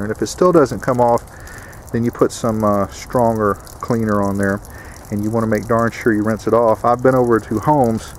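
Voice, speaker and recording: A man's voice: on the low side, slight background noise. A man giving a plain-spoken, folksy how-to demonstration outdoors, repeating his warnings. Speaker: DIY home repair instructor. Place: outdoors beside an air conditioner unit.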